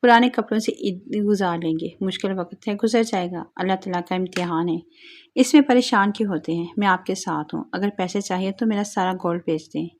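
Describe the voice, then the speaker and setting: A woman voicing a gentle, devoted young wife who soothes her husband affectionately, in a storybook reading. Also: medium pitch, natural voice. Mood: soothing.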